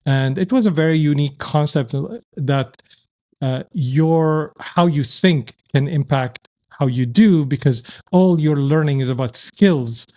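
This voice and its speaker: A man's voice: on the high side, a little slow, dark tone. A man from Syria, an entrepreneur, speaking reflectively as a podcast guest, often restarting his sentences. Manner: reflective, thoughtful, with frequent restarts. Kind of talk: casual interview.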